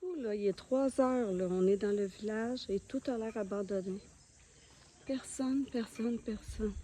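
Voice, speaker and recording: A woman with a Quebec French accent, chatting casually and slowly with light humor while walking a rural trail, filmed on a handheld phone. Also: medium pitch, mellow, slight background noise. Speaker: vlogger on a pilgrimage walk.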